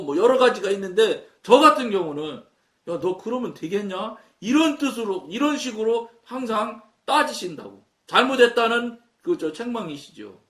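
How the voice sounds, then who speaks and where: Man, pastor, Chungcheong accent, high voice, echoey room, mic at a distance. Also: a bit bright. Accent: Chungcheong Korean. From Chungcheong, Korea. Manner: storytelling, acting out dialogue. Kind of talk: sermon talk.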